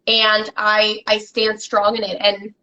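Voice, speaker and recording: A woman guest on a podcast, talking as a business coach in an energetic, emphatic, motivational way, often repeating herself for stress. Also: mid-range voice, slow, highs cut off, slight background noise. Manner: energetic and emphatic, with repetitions and restarts. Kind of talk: motivational casual conversation.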